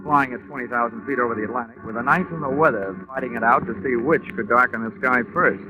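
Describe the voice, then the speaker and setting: A man's voice: mid-range voice, natural voice. Actor as a wry 1950s radio detective narrating his case; dull old recording with music under it. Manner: dry, wisecracking. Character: wisecracking, tired male insurance detective. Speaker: insurance investigator and narrator.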